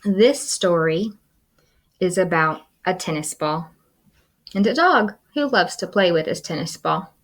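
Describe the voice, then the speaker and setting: A school librarian reads a children's picture book aloud, telling the story with expressive drama. Her voice sits lowish and moves a little slowly.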